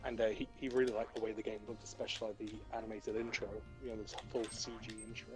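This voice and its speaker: A British man co-hosting a stream, talking casually and wandering through his thoughts with plenty of fillers. Game music plays clearly underneath his voice. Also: on the low side, flat delivery, fast, rough recording. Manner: chatty, rambling with fillers. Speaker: stream co-host. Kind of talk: casual chat. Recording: loud game music behind.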